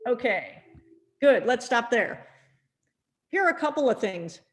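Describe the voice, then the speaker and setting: A middle-aged woman teaching a percussion masterclass, gently encouraging and often repeating words as she thinks aloud. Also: on the high side, big pitch swings, unhurried.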